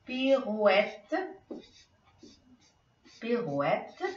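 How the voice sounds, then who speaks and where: A woman's voice: mid-range voice, very animated, extremely slow, a little hiss or hum. A woman teaching French vocabulary to children, who speaks Spanish as her first language and talks patiently, asking questions and repeating the phrases. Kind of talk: classroom lesson. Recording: roomy, distant, dull sound.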